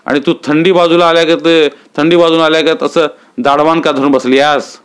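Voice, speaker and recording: A man voicing a gruff village husband who shouts and scolds. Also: fairly high pitch, little pitch movement, moderate pace, voice pushed up, close to an everyday voice. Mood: scolding.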